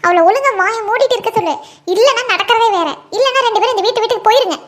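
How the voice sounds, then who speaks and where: A very high, piercing voice for a domineering cartoon mother-in-law, acted by a woman. She scolds and taunts at a fast clip, words tumbling out in a steady stream. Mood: scolding. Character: bossy, sharp-tongued older mother-in-law. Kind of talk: comic cartoon voice acting.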